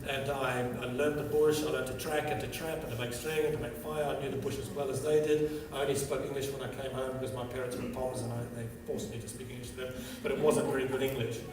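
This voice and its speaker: In a large seminar hall, recorded from far away amid echo and background noise, a Zambian man in his 60s delivers testimony through stories. A first-language Bemba speaker, he talks quickly with few pauses in a level, mid-range voice, often restarting and checking in with "okay?"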